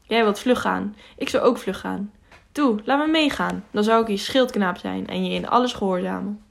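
A woman reading the part of an eager, cheerful young male mountain guide who pleads in a lively way. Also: medium pitch, normal speed, vocal fry.

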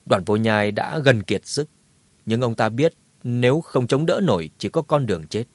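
A man narrating a martial arts novel in a dramatic, lively telling. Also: mid-range voice, normal speed, no room sound. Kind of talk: scripted audiobook narration.

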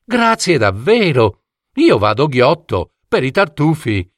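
Man doing a talking dormouse, high and lively, know-it-all, storybook, dry close sound. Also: dry recording, full character voice. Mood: chatty. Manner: eager, proud, quick-talking. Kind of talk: storybook reading.

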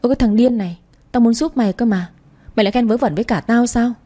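A woman's voice: fairly high pitch, fast, mellow, voice pushed up, close to an everyday voice. Woman voicing a blunt, loyal male friend. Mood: angry. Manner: blunt, exasperated.

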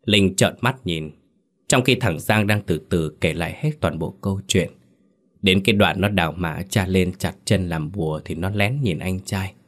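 A man narrating a horror story, in a measured, dramatic reading. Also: low-pitched.

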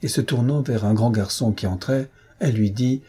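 A man narrates a novel in a mellow, slightly husky voice. He moves through the story at an even reading pace and lifts his pitch for the women's dialogue. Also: moderate pace. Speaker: audiobook reader.

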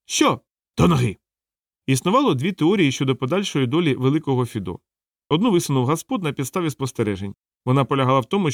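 A man reading an audiobook in measured storytelling narration. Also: mid-range voice, no echo, studio quality.

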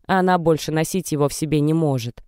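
Brief: mellow, smooth narrator for a novel, measured and even, dry booth sound. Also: mid-range voice, no room sound. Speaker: audiobook narrator. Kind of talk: scripted narration.

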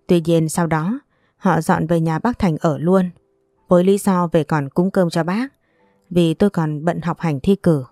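A woman narrating a first-person audio story in a steady, subdued way. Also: fairly low pitch, measured pace, no echo, studio quality, soft background music.

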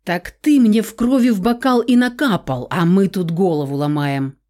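Audiobook: touchy young guy with sulky, grumbling retorts, read by a woman in a mellow voice. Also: mid-range voice, normal speed, natural voice. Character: young man, touchy and blunt.

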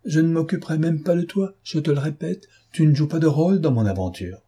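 A man's voice: on the high side, a little fast, mellow, breathy edge, pitched above the performer's own voice. A man reading an audiobook voices a proud, domineering noble master who speaks with emphatic irony. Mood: dismissive. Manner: emphatic, ironic, imperious.

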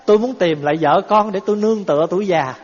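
A man's voice: high-pitched, fast talker. A man voicing a weary, pleading old villager. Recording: dull echoey hall recording.

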